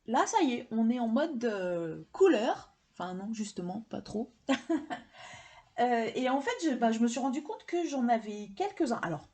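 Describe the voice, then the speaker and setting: In a casual chat to camera, a woman enthusiastically rambles through her collection of tarot and oracle decks, using many fillers. Her voice is a little high, mellow, and slightly rough.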